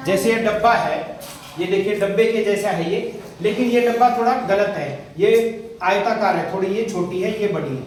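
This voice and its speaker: A male schoolteacher leads his class in call-and-response, asking questions and repeating the answers back to them. He sounds distant from the mic in a heavily echoing classroom. Steady background noise sits under his voice. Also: high voice, normal speed. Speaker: primary school teacher. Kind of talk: classroom teaching. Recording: very echoey classroom, far from mic, noisy.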